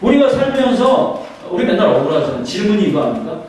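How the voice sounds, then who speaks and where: A man's voice: high-pitched, sing-song, fast talker, a little mellow, a little hiss or hum. A man preaching a sermon as pastor, often putting questions to the congregation. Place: church sanctuary. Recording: echoey church hall from far off.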